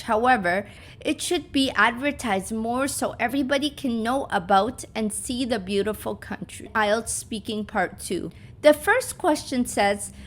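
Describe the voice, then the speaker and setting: A woman in her thirties from Uzbekistan, reading both the questions and the prepared answers of a practice speaking exam, with small slips and restarts. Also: a little high. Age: 30s. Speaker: English teacher. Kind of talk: reading both sides of a mock speaking test.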